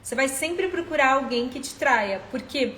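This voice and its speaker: A woman's voice: high voice, lively intonation, moderate pace, slight background noise. Woman therapist in an echoey room. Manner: warm, coaching, often asks the listener direct questions. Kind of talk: live-stream Q&A reading viewer questions.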